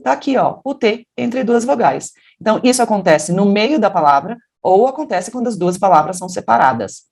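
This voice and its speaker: A woman from Brazil teaching English pronunciation, explaining patiently and then modeling English words in a deeper voice. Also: animated, brisk, vocal fry, darkish tone. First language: Portuguese. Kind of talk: pronunciation lesson.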